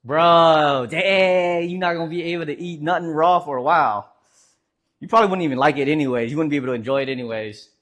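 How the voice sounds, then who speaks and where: A man's voice: on the high side, quick pace, fairly bright tone. A young man streaming live, chatting casually with viewers in a joking, rambling way with lots of fillers.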